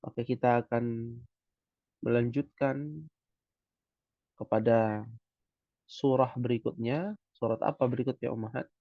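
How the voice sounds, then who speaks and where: Male teacher for an online lesson, slow and dry, dull lo-fi call audio. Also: mid-range voice, fairly even intonation, no room sound. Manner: patient, repeats "ya" often. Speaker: Arabic teacher. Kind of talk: online class lecture.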